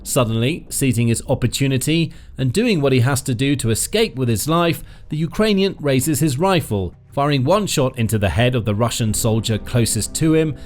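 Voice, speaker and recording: Narrating for a military news channel, a man reads a scripted documentary piece with a dramatic, emphatic delivery and pauses for effect. His expressive, darkish voice rises and falls sharply as he stresses key words. A faint music bed sits behind him.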